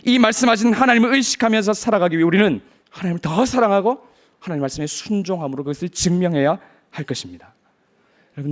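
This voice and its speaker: Male pastor, high-pitched voice, earnest sermon delivery with searching rhetorical questions.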